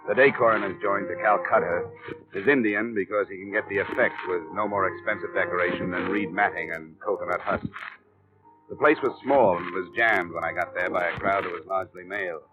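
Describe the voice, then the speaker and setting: A hard-boiled private eye speaks in a low, clipped and matter-of-fact voice. His voice comes through the tinny, narrow-band sound of an old AM radio broadcast. Music plays clearly behind him. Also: steady tone, fairly quick. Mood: narrating. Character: tough, level-headed male private investigator. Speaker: narrator and lead investigator. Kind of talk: 1950s radio drama acting and narration. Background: music bed.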